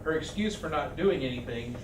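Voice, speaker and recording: A man speaking at a memorial, halting with many restarts and fillers. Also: fairly high pitch, lively intonation. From Arizona. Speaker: eulogy speaker. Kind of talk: memorial speech. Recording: echoey hall from far off, noisy.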